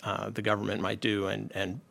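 Legal expert guest, man, low gravelly voice, lectures with lots of restarts. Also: little pitch movement, brisk, a bit bright. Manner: lecturing, many restarts and fillers. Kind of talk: explanatory radio interview.

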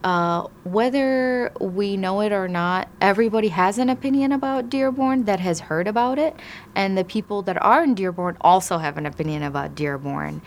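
A woman from Iraq, an immigration attorney, answering interview questions thoughtfully with frequent pauses and restarts. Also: on the low side, slight background noise.

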